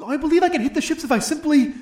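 A man's voice: very high-pitched, very fast, dark tone, pitched above the performer's own voice. A man voicing a fat, theatrical male dragon with a grandiose, old-fashioned way of talking. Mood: puzzled.

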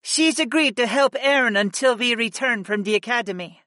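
A man's voice: extremely high pitch, normal speed, sharp tone, no echo, pitched above the performer's own voice. A man voicing an earnest, reassuring young woman princess in an audiobook. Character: composed young woman princess, caring sister.

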